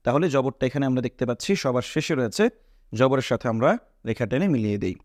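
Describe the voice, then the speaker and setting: A man's voice: mid-range voice, expressive, quick pace, a little mellow, dry recording, studio quality. A man teaching a basic Quran reading class, patiently repeating points and asking students questions in a Bangladeshi Bengali accent. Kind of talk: classroom lesson.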